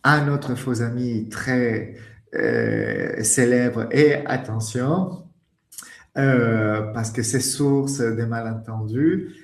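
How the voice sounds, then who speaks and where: Slow, patient male French teacher. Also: mid-range voice, sing-song, gravelly, echoey room. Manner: slow, patient, repeats key words. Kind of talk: webinar lesson.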